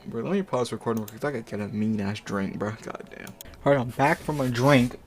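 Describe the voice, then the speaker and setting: A man reads fanfic aloud quickly in a medium-pitched voice while music plays. He's an amateur reader-commentator who breaks in with incredulous, foul-mouthed slang.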